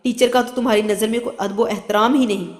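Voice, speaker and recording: A woman's voice: on the high side, steady tone, roomy sound, in a large hall, close to an everyday voice. A woman voicing a strict, short-tempered female schoolteacher in a storybook reading, with a harsh scolding tone. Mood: stern, scolding.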